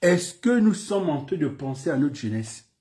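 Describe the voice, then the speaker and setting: A man from Gabon, a political commentator with a Gabonese French accent, gives a fervent political speech full of rhetorical questions and repeated phrases. His voice is a little high and warm, with big pitch swings, and he moves at a moderate pace.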